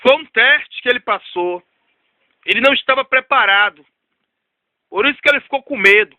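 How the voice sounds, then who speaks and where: A man preaching a sermon, telling a story and repeating key phrases while dropping low for emphasis. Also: expressive, moderate pace, sharp tone, no echo, muffled recording.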